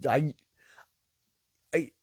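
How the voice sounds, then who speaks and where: A man's voice: dry recording, clean studio sound. A man co-hosting a home podcast, joking and stumbling over words in casual banter with his wife. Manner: joking, halting, animated. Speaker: podcast co-host.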